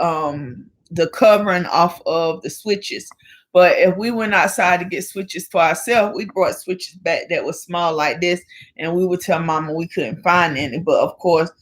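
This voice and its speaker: A woman hosting her own vlog, telling a personal story from childhood in a lively, colloquial way. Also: lowish voice. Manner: lively, colloquial, acts out family members in quotes. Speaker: vlog host.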